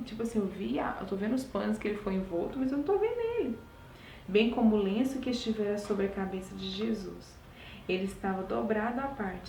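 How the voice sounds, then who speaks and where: A woman reading scripture aloud at home and breaking off into expressive, exclamatory asides to her listeners. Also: medium pitch, gravelly, a little hiss or hum. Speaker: Bible study leader. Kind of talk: devotional Bible reading with commentary. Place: home at night. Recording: roomy, distant mic, faint ambience.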